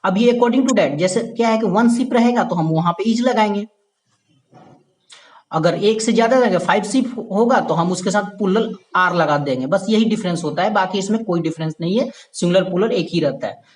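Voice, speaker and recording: A man with a high-pitched voice, speaking at normal speed, teaches basic grammar. Key points get repeated, he checks in with listeners, and he greets viewers as "my dear friend".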